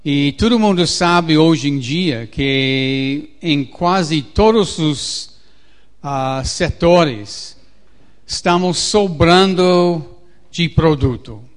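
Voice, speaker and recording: An American man, a native English speaker with an American accent, gives a public lecture as an economist in halting, non-native phrasing. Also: fairly high pitch, lively intonation. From United States. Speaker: agricultural economist, guest speaker.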